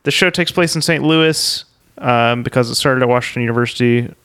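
A man co-hosting a podcast, talking casually and laughing between lines. His voice is smooth and resonant, pitched in the middle range for a man. He walks through a plot with easy, loose phrasing. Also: a little fast, fairly bright tone. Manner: laughs often, recaps plot. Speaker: podcast co-host. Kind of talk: casual chat.

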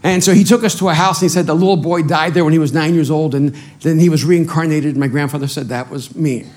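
A Salvadoran pastor in middle age, a native Spanish speaker, delivers a lively sermon, poking fun at himself and often repeating words as he starts over. His voice sits on the high side and he talks fast.

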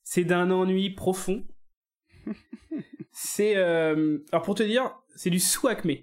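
A man's voice: sits high, slow pace. A man co-hosting a casual podcast chat, mocking and laughing often as he talks. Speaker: podcast co-host.

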